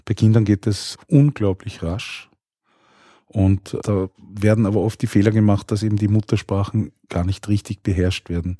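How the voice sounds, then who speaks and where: A man, a teacher, answering interview questions in a calm, measured, explanatory way. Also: on the low side, no echo, clean studio sound.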